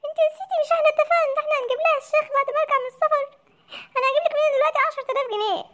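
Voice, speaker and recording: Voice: very high voice, animated, fast talker, sharp tone, full character voice. Voice acting a whiny, scared cartoon husband. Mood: bewildered. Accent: Egyptian Arabic. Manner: whiny, panicky, exasperated. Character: frightened young Egyptian husband, whiny.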